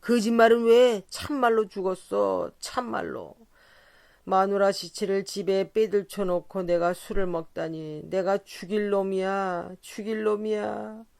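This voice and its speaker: A woman voicing a rowdy, drunken middle-aged rickshaw puller in an audiobook, shouting and cursing with slurred speech. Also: mid-range voice, lively intonation, a little slow, no room sound, clean studio sound. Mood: wailing grief. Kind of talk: audiobook character voice.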